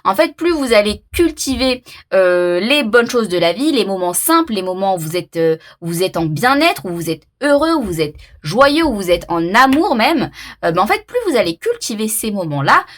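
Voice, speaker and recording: A tarot reader gives her viewers a casual oracle card reading, thinking aloud with many fillers and restarts. Her mid-range voice is sing-song and moderately paced.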